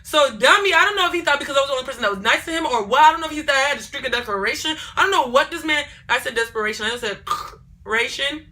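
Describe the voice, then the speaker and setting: Bright-voiced animated young woman vlogger. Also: sits high, very fast. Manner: animated, digressive, repeats herself. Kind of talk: casual storytime chat.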